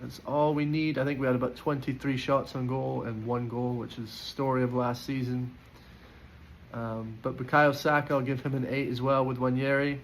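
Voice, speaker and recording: Rating players after a match, this football fan talks loosely and with strong opinions, often breaking off and restarting and dropping in lots of ums. He speaks at a normal speed with a flat, middle-pitched voice. A faint hiss runs under the rough recording.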